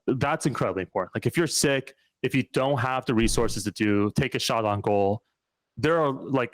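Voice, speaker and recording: Man, American, podcast guest, candid, thoughtful, filler-heavy, mid pitch, dry sound. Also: no echo. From United States. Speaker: podcast guest, startup founder. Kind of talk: casual conversational interview.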